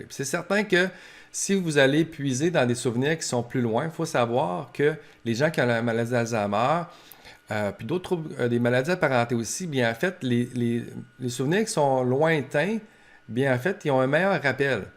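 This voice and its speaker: A professor with a Québécois French accent talks informally to family caregivers in a lively, medium-pitched voice at normal speed. He keeps his explanations colloquial and practical and acts out short examples along the way.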